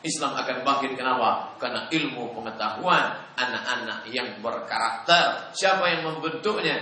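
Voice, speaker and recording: A male preacher giving a dramatic, animated sermon in which he acts out dialogues. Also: mid-range voice, normal speed. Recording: echoey hall, faint noise.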